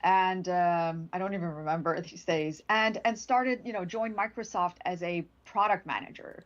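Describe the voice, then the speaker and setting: A product manager from Sweden, whose first language is Swedish, joins a casual livestream interview as a guest. Her fairly low voice keeps a fairly even intonation at normal speed through dull audio, and she's chatty and upbeat, laughing often and restarting many times.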